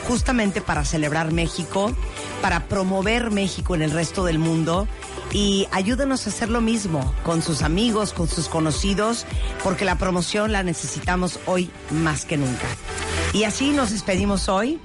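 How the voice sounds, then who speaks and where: A woman's voice: lowish voice, expressive, normal speed, over music. A woman hosting a live radio show, teasing her co-hosts in casual banter. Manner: playful, teasing. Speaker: radio host.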